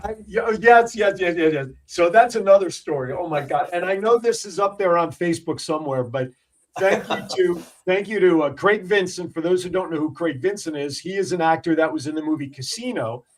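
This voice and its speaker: A man's voice: sits high, fairly quick, recorded from a distance, low-quality recording. A man hosting a radio talk show, telling stories with lots of fillers and restarts. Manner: animated storyteller, many fillers and restarts. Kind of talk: casual radio talk and storytelling.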